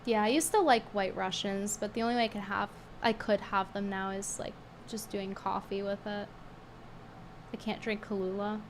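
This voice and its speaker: In a steady, mid-range voice at a moderate pace, a woman streamer reads tips aloud and chats bluntly, scornfully and casually with her livestream viewers. A cold makes her voice strained and difficult to produce, and a little hiss or hum is audible.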